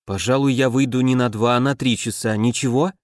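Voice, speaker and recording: A man's voice: mid-range voice, fairly even intonation, a little fast, no room sound, studio quality, close to an everyday voice. A man voicing a cheeky, feisty young female adventurer in an audiobook. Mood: curious.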